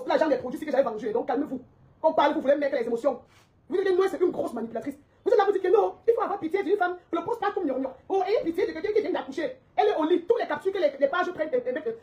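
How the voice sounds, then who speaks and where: A woman's voice: high voice, a little mellow. A woman delivering a heated, confrontational social media rant, repeating her points and laughing mockingly.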